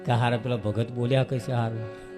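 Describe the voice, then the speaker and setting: A man's voice: mid-range voice, little pitch movement, fairly quick, music in the background. A man preaching a devotional sermon, telling a story and addressing his listeners directly.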